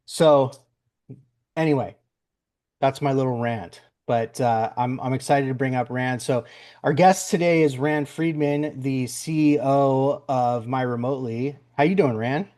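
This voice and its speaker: A man hosting a podcast, speaking in a middle-pitched voice. He talks in a loose, rambling way, with lots of fillers and restarts, like a friendly open chat. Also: steady tone, unhurried, darkish tone. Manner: rambling, repeats words, many fillers. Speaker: podcast host. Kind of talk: casual interview chat.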